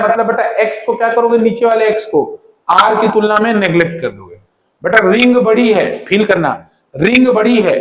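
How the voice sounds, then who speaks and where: A man teaching physics in a classroom-style lecture, repeating key points and asking students questions as he goes. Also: high-pitched. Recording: echoey room.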